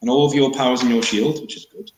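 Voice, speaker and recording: A man running a tabletop game as game master, talking casually in a halting, wry way. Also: medium pitch, fairly even intonation, roomy sound, a little hiss or hum, rough recording.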